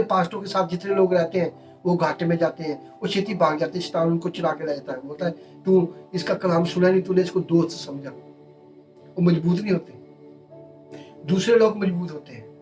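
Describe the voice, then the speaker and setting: A man's voice: high voice, steady tone, brisk, a little mellow, distant mic, soft background music. A male pastor, preaching a sermon in emphatic, repeated short phrases.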